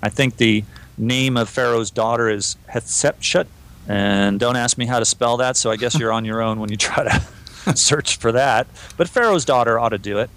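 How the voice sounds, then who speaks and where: Guy cohosting a podcast, mid pitch, easygoing talk, reads out emails. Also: normal speed, fairly bright tone. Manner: conversational, reads listener emails aloud. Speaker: podcast co-host. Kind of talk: casual podcast discussion.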